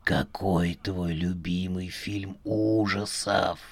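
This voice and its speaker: A man reading a story aloud, voicing a calm, mysterious phone caller with an artificial, metallic, robot-like voice. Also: sits low, pitched below the performer's own voice, exaggerated voice. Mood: eerie calm. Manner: slow, eerily calm quizzing. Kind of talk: audiobook narration with voiced characters.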